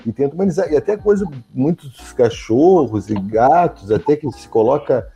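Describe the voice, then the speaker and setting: A man interviewing an author, thinking out loud and hesitating between his phrases. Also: mid-range voice, lively intonation, normal speed, creaky, breathy edge, soft background music. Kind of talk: casual interview questions.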